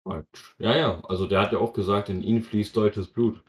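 A man's voice: on the low side, steady tone, moderate pace, slightly rough. A man co-hosting a casual podcast, mostly giving short, dry reactions. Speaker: podcast co-host. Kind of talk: casual chat.

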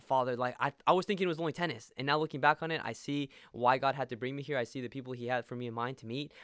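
A young man from Peru talks quickly and earnestly as a podcast guest, telling his faith story with a smooth, clear voice. He stumbles into repeated words when searching for the next thought. The sound is close and dry, with no room around it. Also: medium pitch, fairly bright tone, no echo. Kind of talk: faith testimony in conversation.

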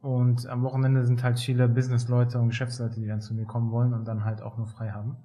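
Relaxed German man in his thirties. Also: medium pitch, fast talker. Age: 30s. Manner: relaxed, many fillers and hesitations. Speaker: guest, physiotherapist. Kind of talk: casual interview talk.

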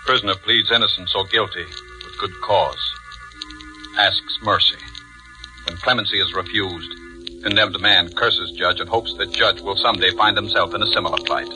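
A man's voice: sits low, fairly even intonation, moderate pace, over music, lightly acted, low-quality recording. A man playing a stern pompous judge. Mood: brooding. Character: stern, pompous middle-aged male judge. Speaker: judge and narrator. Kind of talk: 1940s radio acting.

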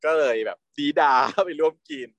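A man's voice: moderate pace, no echo, dull audio. Guy casually gossiping through a show recap, blunt slang, laughs a lot, dry close sound. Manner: chatty, laughs often, blunt slangy storytelling.

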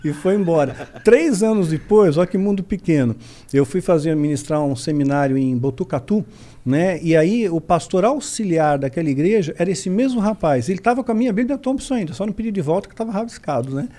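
High-voiced man telling a story. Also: a little fast. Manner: animated, acts out dialogue, tags nearly every sentence with a question word. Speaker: podcast guest. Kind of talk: storytelling in a casual podcast chat.

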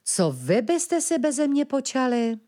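A woman's voice: high voice, big pitch swings, warm tone, pitched above the performer's own voice. A level-headed young female animal from a children's story, doubting the others' plans, as a woman voices her. Her voice is raised and questioning. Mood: doubtful.

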